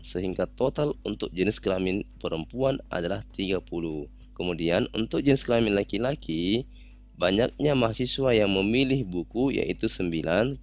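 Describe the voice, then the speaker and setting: A man calmly walking through statistics software steps one by one in a recorded tutorial. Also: on the low side, lo-fi sound. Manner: calm, methodical step-by-step explanation.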